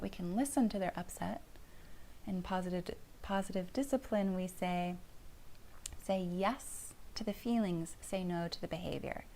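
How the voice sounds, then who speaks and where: A middle-aged woman, a family therapist, giving a calm parenting lesson in a soft, often hushed voice. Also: mid-range voice, vocal fry, a little hiss or hum.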